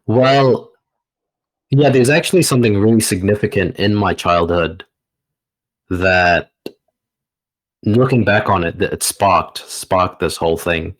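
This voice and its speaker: A man, a meditation teacher answering interview questions in a slow, reflective way with frequent pauses. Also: on the low side, poor audio. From New Zealand. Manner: slow, reflective, pausing often with "uh".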